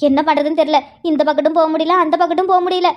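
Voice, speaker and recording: This is a sly, chattering sister-in-law from a home-made cartoon, put on by a performer. The voice is pushed very high and squeaky and runs along at a quick clip. She teases and gossips like a schemer who has her husband figured out. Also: steady tone, highs cut off, natural voice. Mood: gossipy. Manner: chatty, teasing, fast gossip. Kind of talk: Tamil cartoon voice acting.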